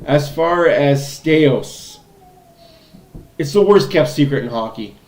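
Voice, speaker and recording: A man's voice: fairly high pitch, animated, slow pace, a little mellow. A man hosting a livestream, giving blunt, opinionated fan commentary over a hockey game. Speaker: livestream host. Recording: echoey room.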